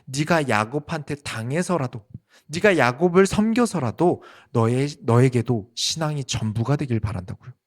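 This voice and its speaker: A man's voice: mid-range voice, expressive, normal speed, natural voice. A man voicing an aging patriarch speaking earnestly to his son, as part of a sermon.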